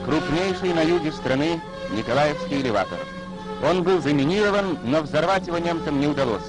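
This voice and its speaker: A man's voice: on the high side, lively intonation, a little fast, music in the background, low-quality recording. Man narrating a 1940s newsreel. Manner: solemn declamatory announcer delivery. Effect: 1940s newsreel voice-over. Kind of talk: scripted wartime newsreel narration. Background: orchestral score.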